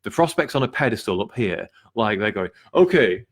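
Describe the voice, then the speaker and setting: A man's voice: lowish voice, animated, brisk, a bit bright. A middle-aged man giving sales advice straight to camera, talking candidly and bluntly and swearing now and then. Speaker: sales and marketing coach. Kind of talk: direct-to-camera business advice video.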